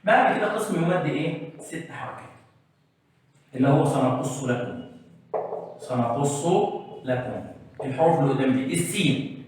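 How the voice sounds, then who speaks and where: A man with an Egyptian accent teaching tajweed to exam students, explaining letters and chanting them in a drawn-out recitation style, often checking in with a quick question. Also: mid-range voice, expressive, a little mellow, a little hiss or hum. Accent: Egyptian Arabic. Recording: very echoey room, voice from a distance.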